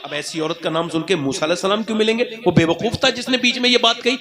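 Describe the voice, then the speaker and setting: Fervent high-voiced male preacher, loud crowd. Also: fast. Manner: emotional, rising to fervent high cries, addresses listeners directly. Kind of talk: storytelling sermon to a gathering. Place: public religious gathering before a large audience.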